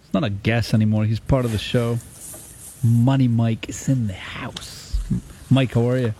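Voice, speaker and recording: A man's voice: medium pitch, steady tone, normal speed, warm tone, slight background noise. A man from Chile hosting a radio show in a casual, laughing way with many restarts.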